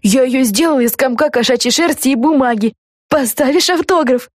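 A woman narrator voicing an excitable young girl fan who gushes and chatters. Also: high voice, a little fast, no room sound, clean studio sound, voice pushed up. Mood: eager. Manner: gushing, chattering.

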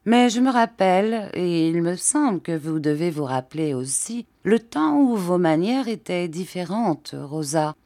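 A woman reading an audiobook, voicing a dignified older mother who speaks in a measured, gently reproachful way. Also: fairly low pitch, animated.

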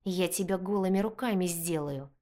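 A woman voicing an arrogant, hot-tempered young male guard who sneers and shouts insults in a fantasy audiobook. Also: fairly low pitch, normal speed, lightly acted. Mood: enraged.

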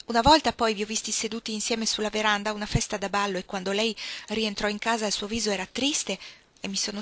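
A woman reading the part of a calm, dignified young fiancée who speaks softly and in a measured way in an audiobook reading. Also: mid-range voice, no room sound, close to an everyday voice. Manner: soft, composed, measured.

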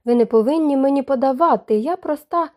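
A woman's voice: high-pitched, darkish tone, pitched above the performer's own voice, lightly acted. A woman voicing a timid young woman in an audiobook, speaking hesitantly and in a hurry. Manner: hesitant, hurried.

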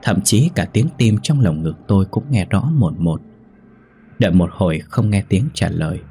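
A man narrating a ghost story in a steady, measured reading. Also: sits low.

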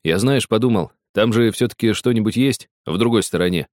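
A man voicing a gentle, awkward chubby teenage boy who speaks timidly. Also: lowish voice, fairly quick, no room sound, studio quality, pitched above the performer's own voice, natural voice. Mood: earnest.

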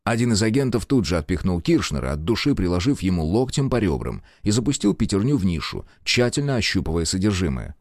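A man narrating a novel as an audiobook reader, telling it in an expressive storytelling manner. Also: low-pitched, fast, few pauses, no room sound, clean studio sound. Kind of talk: scripted narration.

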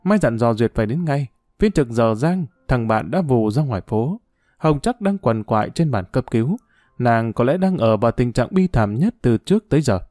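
A man narrating a story audiobook in a steady, measured way. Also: mid-range voice, dry recording, clean studio sound, soft background music.

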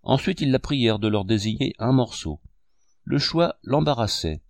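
A man narrating a classic novel as an audiobook, in a measured, expressive reading. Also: medium pitch, gravelly, dry recording, studio quality.

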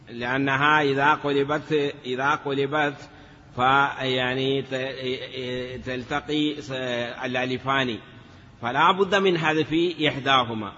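A man gives a classical grammar lesson at a slow, deliberate pace. He chants word forms and breaks into quick explanations. His voice is bright and forward, heard on a dull lo-fi recording with a long hall reverb. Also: medium pitch, slight background noise. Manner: drills word forms slowly, chanting some of them, then explains them quickly; often adds a confirming "yes" (نعم). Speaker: teacher of Arabic morphology.

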